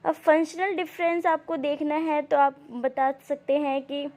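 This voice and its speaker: A woman's voice: sits high, darkish tone. A woman teaching an exam-prep lesson, explaining terms and often asking the class questions before she answers them. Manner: explains with repeated checks and questions to students; reads English passages slowly and deliberately. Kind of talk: exam-prep coaching lecture.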